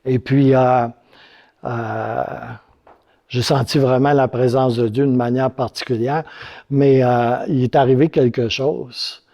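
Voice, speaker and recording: A man's voice: medium pitch, fairly even intonation, takes it slowly, mellow. A man with a Quebec French accent preaching a sermon, telling a personal story in a casual, rambling way with many fillers. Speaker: pastor.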